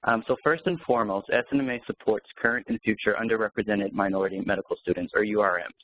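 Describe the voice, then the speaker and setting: A man in his twenties, a medical student from Hawaii who was raised in North Carolina, giving a brisk, scripted presentation over a dry, tinny phone line. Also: on the low side, slight background noise. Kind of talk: prepared presentation.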